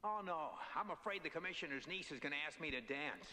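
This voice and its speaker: A man voicing a boyish, earnest, inquisitive superhero sidekick in an animated cartoon drama. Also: on the high side, quick pace. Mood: earnest concern. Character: eager, concerned youthful male superhero sidekick. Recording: hall reverb, music underneath.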